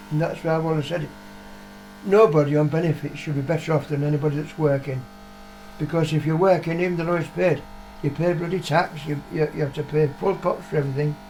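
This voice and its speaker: This older UK man speaks in a high-side voice that is creaky and a little mellow. Interviewed as the vlogger's father, he chats casually, blunt and plain-spoken, swearing and repeating himself to make his points. Slight background noise accompanies the low-quality recording.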